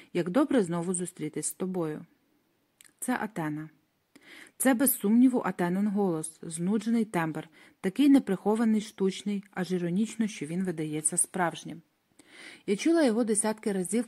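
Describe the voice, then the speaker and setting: A woman reads a first-person audiobook aloud at a mid pitch. Her delivery is dramatic and expressive, and she leans into the tense moments. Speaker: audiobook narrator.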